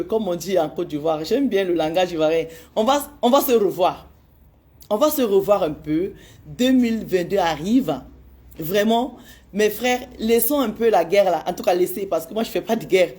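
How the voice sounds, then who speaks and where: A woman in her forties speaks directly to her social media followers in a warm, mellow, medium-pitched voice. With impassioned urgency she pleads with them, repeating the same phrases again and again.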